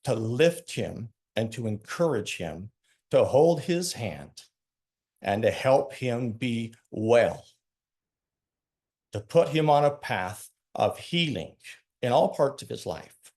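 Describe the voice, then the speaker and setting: A man telling a heartfelt personal story as a speaker, earnest and emphatic, slowing down to stress his key lines. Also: mid-range voice, sing-song, a little mellow.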